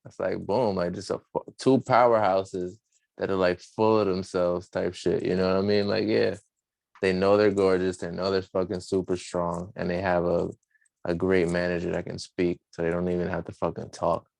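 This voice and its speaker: A young man with a low, gravelly voice chats about wrestling in a relaxed, slangy way, laughing easily. The sound is dry and close. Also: moderate pace, no room sound. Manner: laid-back, laughing, profane slang. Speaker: podcast co-host. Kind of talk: casual wrestling review chat.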